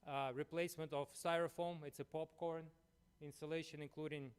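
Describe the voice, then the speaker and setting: A man's voice: a little high, flat delivery, brisk, clear, resonant tone. A man from Ukraine with a Ukrainian accent, giving a conference presentation in a chatty way, full of "you know" and "uh". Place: conference room.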